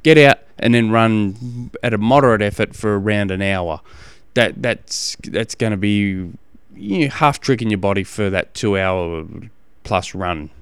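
A man with an Australian accent giving casual coaching advice as a podcast host, halting and often repeating phrases as he explains. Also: on the low side, clear, resonant tone, dry recording.

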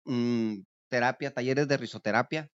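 A man's voice: medium pitch, normal speed, clear, resonant tone, no room sound, highs cut off. A man telling stories on a casual podcast, sometimes singing bits of songs. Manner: storytelling, sings snippets of songs.

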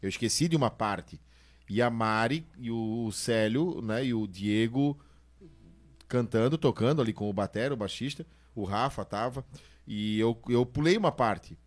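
A man, an animated storyteller who laughs often while telling stories in casual podcast chat. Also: medium pitch, normal speed. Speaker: church musician on a podcast.

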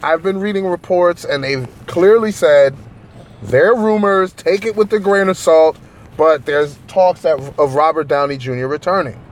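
A man co-hosting a podcast in casual chat, animated and profane, rambling with frequent laughs. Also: a little high, moderate pace, slight background noise. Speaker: podcast co-host.

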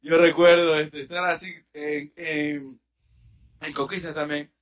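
A man's voice: a little high, flat delivery, unhurried. A young man, telling a story on a podcast in a rambling, hesitant way. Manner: rambling, hesitant, with fillers and repeats. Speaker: podcast co-host. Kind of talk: casual storytelling among friends.

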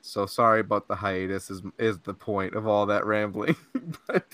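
Recorded echo-free on a podcast mic, a young host keeps things casual, rambling, laughing frequently, and using "like" and "dude" a lot. He speaks at a moderate pace in a fairly low voice with a fairly bright tone.

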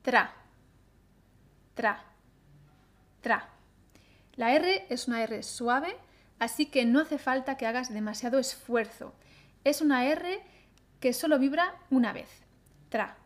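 A woman teaching pronunciation on a podcast, speaking carefully and repeating each syllable for practice. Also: on the high side.

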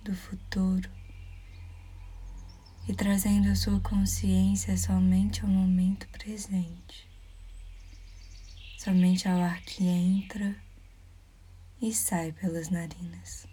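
A Brazilian woman guides a meditation in a soft, breathy near-whisper, calm and soothing. Her voice is mid-range, and she leaves measured pauses.

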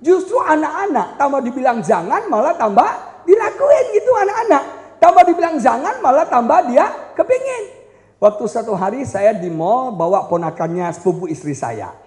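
A man preaching a lively sermon at a church retreat, animated and joking with the congregation as he acts out quotes. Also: very high voice, moderate pace. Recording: echoey hall reverb.

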